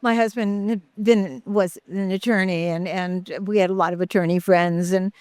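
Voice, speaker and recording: Older woman reminiscing, clear and close. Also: medium pitch, fairly even intonation, darkish tone, no echo. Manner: halting, many fillers and restarts. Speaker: interview guest, actress. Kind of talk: casual interview reminiscing.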